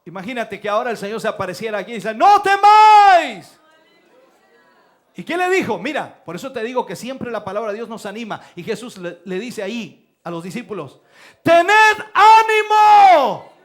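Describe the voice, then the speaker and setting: Male pastor, very animated delivery with a high pitch and sudden shouted lines. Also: fast talker, hardly any pauses. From Chile. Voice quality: dramatic preaching, bursts into shouts. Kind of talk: sermon. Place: church.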